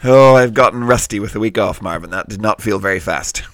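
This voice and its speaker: A man's voice: lowish voice, fairly quick, fairly bright tone. A man presenting a children's podcast like a kids show host, speaking directly to young listeners in a scripted but conversational way.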